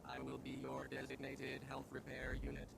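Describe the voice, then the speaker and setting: A care robot golem from a video game. The voice is heavily creaky and mid-pitched, speaking in formal, clinical terms with blunt devotion to duty. Clear noise sits behind it. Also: male voice, very animated, moderate pace. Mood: clinical, stern. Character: blunt, dutiful golem care robot, a health repair unit. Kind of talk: scripted game acting.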